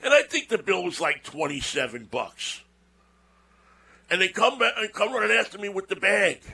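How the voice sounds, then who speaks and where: A man's voice: sits high, animated, moderate pace, sharp tone, breathy edge. A man hosting a show, telling a personal story in a casual, rambling monologue with folksy asides and repeated words. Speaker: show host.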